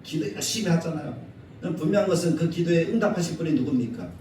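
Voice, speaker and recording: A male pastor delivering a Sunday sermon in a church, animated, acting out quoted scolding in a raised voice. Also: a little high, fast talker. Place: church sanctuary. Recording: echoey church hall, mic at a distance.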